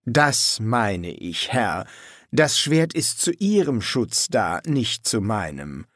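A man voicing a polite, patient male vampire recruit who answers calmly and courteously, in an audiobook. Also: lowish voice, slow, no room sound, clean studio sound, exaggerated voice.

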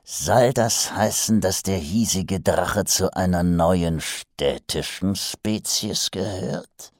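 A man voicing a male assassin who talks slowly and grumbles in a low, half-whispered mutter. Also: steady tone, vocal fry, breathy edge, no echo, studio quality, exaggerated voice. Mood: grumbling.

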